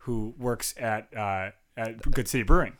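A man's voice: fairly low pitch, unhurried. A young man hosting a casual chat, jokey and teasing, talking in a chatty way.

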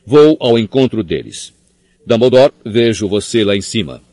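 A man's voice: fairly low pitch, expressive, normal speed, darkish tone, no room sound, voice pushed up. A man reading an audiobook, voicing a fussy, anxious male minister who sounds flustered and patronizing. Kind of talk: audiobook character voice.

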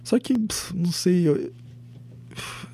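A young Brazilian man hosting his own podcast, giving a rambling, animated opinion monologue, swearing freely and acting out quoted voices. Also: high-pitched, takes it slowly, husky. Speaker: podcast host.

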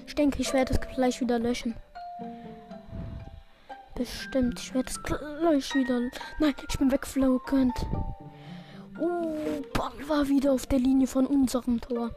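A woman giving excitable, self-mocking play-by-play commentary while she plays a video game. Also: high-pitched, measured pace, long pauses, music in the background. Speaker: gaming video creator. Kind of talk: live gameplay commentary.

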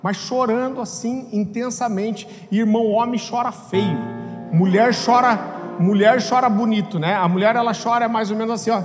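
A Brazilian man, a pastor, telling a story in a sermon with lively humor and acted-out voices. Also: high-pitched, normal speed. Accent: Brazilian Portuguese. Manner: animated, acts out voices, jokes. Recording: hall reverb with music behind.

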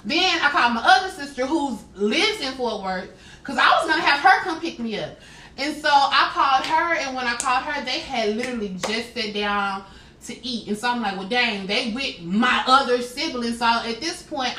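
A bright, high-voiced woman tells a story with lots of swing in her pitch. She sounds exasperated as she acts out the people in it. The room is echoey, with a little noise in the background. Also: moderate pace. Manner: animated, exasperated retelling with quoted voices. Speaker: podcast co-host telling a story. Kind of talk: casual storytelling chat.

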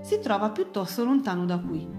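A woman's voice: medium pitch, sing-song, a little fast, reverberant, over music, natural voice. A woman voicing an unhappy will-o'-the-wisp spirit who stumbles over words in a storybook reading. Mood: worried.

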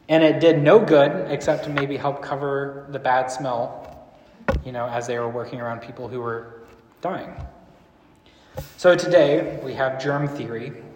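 In an echoey hall with long reverb, a man teaches a church series to a live audience in a large room. His voice is mid-range and darkish, and his style is casual and rambling, with frequent questions to the room.

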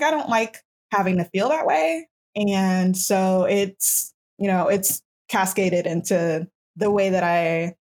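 A woman in her twenties with a medium-pitched voice hosts a podcast, telling a personal story. She sounds reflective and casual, with many fillers and restarts.

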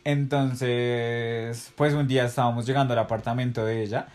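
A man's voice: medium pitch, flat delivery, moderate pace, a little mellow. A young man, chatting casually with a friend and telling stories in heavy slang. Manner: slangy, storytelling, laughs often. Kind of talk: casual chat between friends.

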